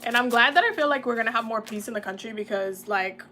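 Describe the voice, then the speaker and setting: A young woman from the Dominican Republic talks in a loose, slangy livestream chat, laughing often between thoughts. Her voice is bright and a little high. A faint background hiss sits under the recording. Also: fast talker. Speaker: tarot and oracle reader.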